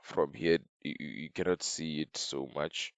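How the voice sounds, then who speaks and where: A man with a slightly off voice teaching a trading lesson over a chart, halting and repeating himself as he draws. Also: very deep voice, steady tone, no echo. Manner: repetitive, halting, talks while drawing on chart. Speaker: trading signal educator. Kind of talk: screen-share trading lesson.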